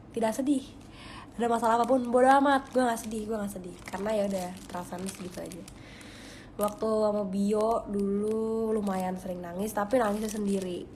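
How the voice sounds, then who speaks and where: A woman's voice: mid-range voice, a little mellow, slight background noise. Chatty young woman. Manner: chatty and confiding, often dropping to a whisper. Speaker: livestream host. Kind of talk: casual livestream chat. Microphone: phone.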